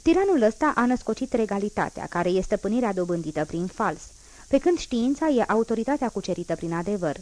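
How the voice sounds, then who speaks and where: A woman's voice: medium pitch, sing-song, darkish tone, natural voice. A proud, unbending old revolutionary man, as a woman reader puts him on in a storybook reading. He declaims each point firmly and with emphasis, never giving ground. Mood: unyielding. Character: fierce old male revolutionary, unyielding and proud.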